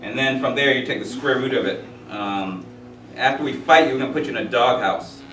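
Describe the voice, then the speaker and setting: Teaching math with jokes, tangents and stories between the steps, a man in his forties speaks briskly in a medium-pitched, somewhat bright voice. Faint music sits behind him, and the recording is distant and echoey.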